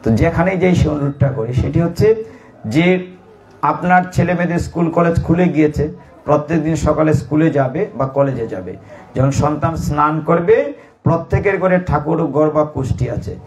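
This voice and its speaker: A man's voice: fairly high pitch, a little fast, darkish tone. A man giving a devotional sermon. He tells a scripture story, asks his listeners questions and answers them himself, and speaks directly to the children present. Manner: talks directly to children in the audience. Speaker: devotional preacher.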